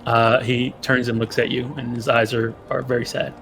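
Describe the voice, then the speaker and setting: A man with a medium-pitched, creaky voice works as game master for a tabletop game. He improvises his narration in halting phrases, with faint music behind him. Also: flat delivery, fairly bright tone. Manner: halting, searching for words.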